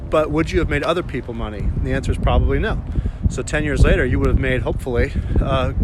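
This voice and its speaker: A man talks informally to his vlog audience in an average-pitched voice, pausing and thinking aloud as he goes. He is outdoors in town, with clear traffic and street noise around his voice. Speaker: host of a startup advice vlog. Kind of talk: casual walk-and-talk monologue. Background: street ambience and vehicles.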